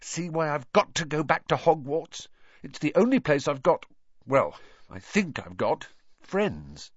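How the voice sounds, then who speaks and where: A man's voice: on the high side, big pitch swings, measured pace, slightly rough, dry recording, pitched above the performer's own voice, full character voice. A man voicing an earnest, impatient young wizard boy in an audiobook reading, asking urgent questions. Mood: frustrated. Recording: dull dry studio sound.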